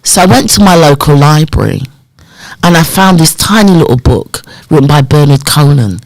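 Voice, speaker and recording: Animated woman telling her story. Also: deep voice, normal speed, dry recording, poor audio. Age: 50s. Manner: animated storyteller who acts out remembered dialogue. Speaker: podcast guest, community development worker. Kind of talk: personal storytelling in a podcast interview.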